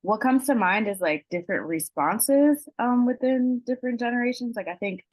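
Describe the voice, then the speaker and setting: A woman's voice: on the high side, moderate pace, no echo, rough recording. A woman council member speaking thoughtfully and hesitantly in a meeting. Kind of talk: meeting discussion.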